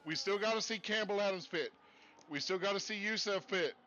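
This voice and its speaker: A man commentating a sim race in a put-on Texas accent, folksy and excitable. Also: high voice, a little fast, dull audio, slight background noise.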